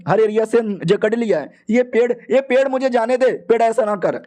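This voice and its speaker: A man voicing a feisty, quick-tempered young woman in a cartoon recap, scolding and indignant. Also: very high voice, dark tone, voice pushed up. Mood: alarmed, scolding.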